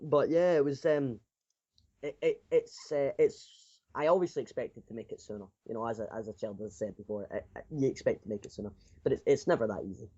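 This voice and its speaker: A sixteen-year-old self-taught indie game developer answers interview questions casually and without a script, rambling and frequently repeating phrases. The teenager's medium-pitched voice is dark, slightly rough and a little fast, and the sound quality is lo-fi.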